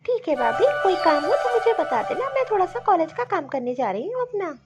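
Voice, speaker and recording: A woman's voice: very high voice, big pitch swings, brisk, loud music behind the voice. A woman voicing a friendly young college-going sister-in-law who sweetly compliments her brother's new wife.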